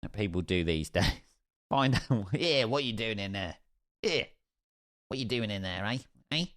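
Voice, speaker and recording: This young English comedian from Northampton has a fairly low, slightly bright voice and sounds animated yet unhurried as he tells a rambling, sweary tale with jokey asides on his own podcast. The studio-quality audio has no echo.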